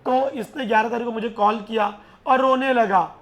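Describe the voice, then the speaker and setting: A man teaching a class in a lively way, often urging his students to answer and mixing English terms into his speech. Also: very high-pitched, normal speed. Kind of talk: classroom lecture.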